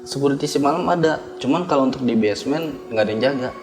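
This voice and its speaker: A man, a guest telling of a ghost encounter in a casual, slangy, relaxed way with short replies. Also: medium pitch, fast talker, over music. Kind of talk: casual chat.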